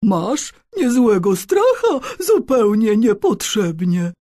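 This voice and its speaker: A woman voicing a theatrical, sulky little male vampire in an audiobook, booming and drawn out. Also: big pitch swings, no room sound, exaggerated voice. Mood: menacing. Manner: loud, drawn-out, booming delivery.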